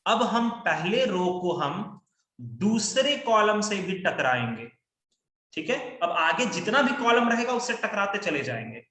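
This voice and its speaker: High-voiced man teaching maths in an echoey room. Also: pushed and bright. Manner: coaxing students to answer aloud. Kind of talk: online class lecture.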